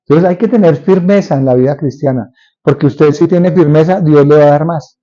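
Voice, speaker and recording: A male pastor preaches a sermon, firing rhetorical questions at his listeners. His voice is fairly high for a man and warm, not bright. The recording is slightly dull and lo-fi. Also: a little fast.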